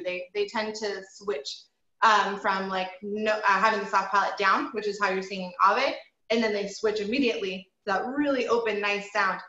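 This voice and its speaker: This woman speaks in a mid-range, bright voice with a forceful edge. Teaching singing to a group, she's patient and supportive, uses lots of ums, and sings to demonstrate. The recording sounds roomy and a bit dull.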